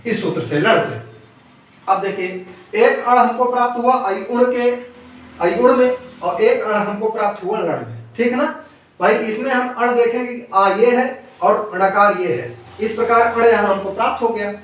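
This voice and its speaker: A man's voice: sits high, normal speed. A man teaching Sanskrit grammar step by step, asking questions and answering them himself, repeating the key terms. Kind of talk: explaining grammar rules step by step. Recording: echoey room, voice from some distance off the mic, faint noise.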